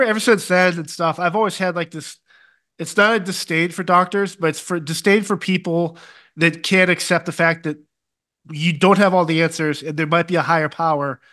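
A man's voice: on the high side, sharp tone. A man co-hosting a podcast, telling a personal story in casual, emphatic, colloquial speech. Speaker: podcast co-host.

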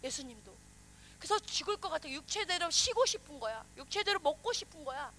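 A woman pastor preaching a sermon, animated, questioning the congregation and acting out quoted voices. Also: high voice, fairly quick, slight background noise.

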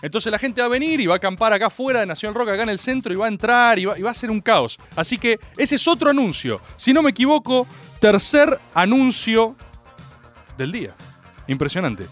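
Brief: Rioplatense male radio host, high and lively pitch, comic monologue with big swings. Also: fairly quick, faint music behind. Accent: Rioplatense Spanish. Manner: theatrical, swings between loud outbursts and mock-grave asides. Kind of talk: comedic radio monologue, streamed live. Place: radio studio.

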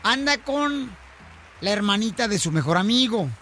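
A man hosting a comic morning radio show, loud, playful and full of slang. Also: high-pitched, animated, normal speed, soft background music. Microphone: studio microphone.

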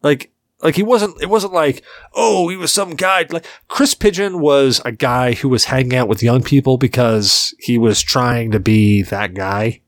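A man's voice: medium pitch, a little slow, dry recording. A man in his forties talks in a mid-range voice, loose and rambling as he tells a story on a casual podcast. He swears freely. The sound is close and dry, with no room around it. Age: 40s. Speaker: podcast host.

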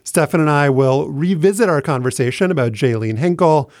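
A man's voice: on the high side, fairly quick, a little mellow, no echo, studio quality. A man hosting a podcast in a conversational presenting style, with a dryly joking manner. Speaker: podcast host.

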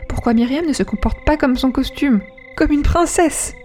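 A woman's voice: high-pitched, normal speed, a little mellow, soft background music, pitched above the performer's own voice, close to an everyday voice. A woman voicing a frightened young girl with a small, panicky voice in a told story. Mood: panicked.

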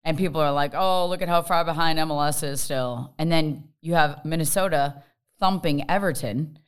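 Low-voiced woman discussing soccer. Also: moderate pace, clean tone. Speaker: podcast co-host and soccer pundit. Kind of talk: casual sports discussion.

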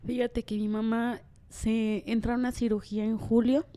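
A woman's voice: a little high, level tone, normal speed, dark tone. A woman from Mexico, a podcast guest, telling an emotional family story in casual conversation and retelling what people said.

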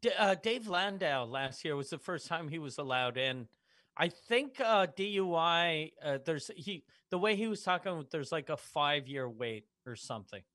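A man's voice: on the high side, expressive, moderate pace, bright, forceful tone, dry recording. A man co-hosting a casual comedy podcast, rambling with lots of fillers and restarts. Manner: rambling with many likes and restarts. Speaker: podcast co-host.

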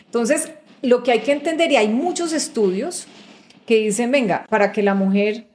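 A woman's voice: on the high side, moderate pace, a little mellow, slight background noise. A middle-aged woman, a guest executive explaining her views in a conversational interview and often checking in with the listener.

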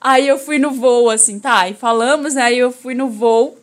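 A woman from Belém telling a personal story in casual chat, lively and acting out the voices of the people in it. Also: fairly high pitch, normal speed. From Belém, Brazil. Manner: animated storyteller, acts out quoted voices. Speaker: guest telling a pregnancy story.

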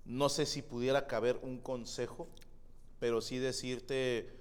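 A man's voice: mid-range voice, level tone, measured pace, clean tone. A man with a Mexican accent co-hosting a podcast, reading listener messages and giving slangy but earnest advice. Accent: Mexican Spanish. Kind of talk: casual comedic chat. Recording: long reverb.

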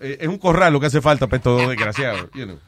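A man's voice: mid-range voice, lively intonation, fast, a bit bright, no room sound. A man hosting a radio show in casual banter, joking and mixing Spanish and English.

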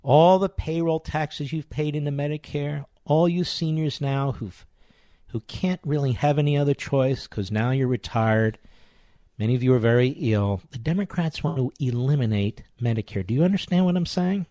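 A man's voice: mid-range voice, normal speed, mellow, no room sound, studio quality. An older American man delivering an impassioned political monologue as a talk host, emphatic and sarcastic, with rhetorical questions and repeated phrases.

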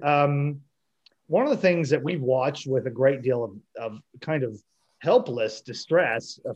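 A man hosting a podcast, talking in a chatty, rambling way that often interrupts itself. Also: medium pitch. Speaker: podcast host. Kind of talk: casual podcast conversation. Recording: dull lo-fi sound.

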